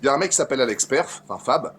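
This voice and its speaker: A man's voice: medium pitch, animated, racing, crowd noise. A man in a casual online debate, talking argumentatively and restating his points with emphasis and repeated words.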